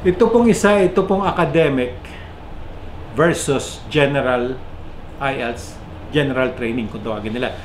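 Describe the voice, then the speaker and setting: A Filipino man with a Filipino accent vlogging in a chatty explainer style, mixing English and Filipino and giving shoutouts to viewers, his voice rising and falling in pitch and loudness. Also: normal speed, pauses often. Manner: pitch and loudness swing up and down a lot. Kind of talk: casual vlog explainer. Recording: echoey room with faint background noise.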